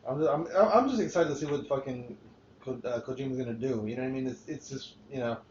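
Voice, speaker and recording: A man's voice: medium pitch, fast, a little mellow, slight background noise. A man hosting a casual podcast chat, rambling and swearing freely with frequent restarts. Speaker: podcast host. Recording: roomy, dull lo-fi podcast recording.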